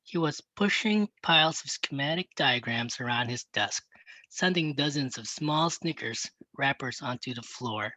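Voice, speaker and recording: A reader narrating a first-person children's novel aloud, plain and even, with a teen narrator's wry asides. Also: mid-range voice, a little slow, no room sound, poor audio. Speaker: audiobook reader.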